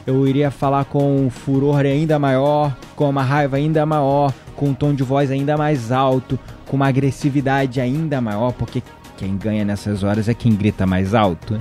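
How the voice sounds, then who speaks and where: A man's voice: mid-range voice, moderate pace, hardly any pauses, soft background music. A man telling a story in casual conversation, acting out the voices of the people in it. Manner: animated, acts out quoted voices.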